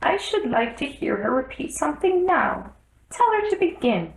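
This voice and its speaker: A woman's voice: sits high, sing-song, normal speed, pitched above the performer's own voice. A woman voicing a mournful, easily offended male turtle creature in a storybook, with a ponderous, thoughtful manner. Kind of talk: storybook character reading. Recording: roomy echo.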